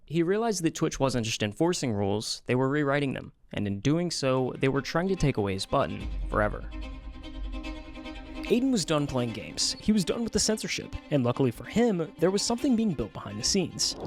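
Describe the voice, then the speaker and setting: A man reading scripted documentary narration with a dramatic storytelling delivery. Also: fairly high pitch. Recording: narration over clear background music.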